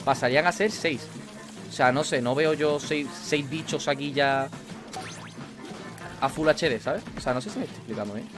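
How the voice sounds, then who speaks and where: A young man with a Spanish accent from Spain, chatting casually while playing a video game, excitable and swearing at the game. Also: medium pitch, normal speed, long pauses. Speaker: gaming YouTuber. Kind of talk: casual gameplay commentary. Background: video game music.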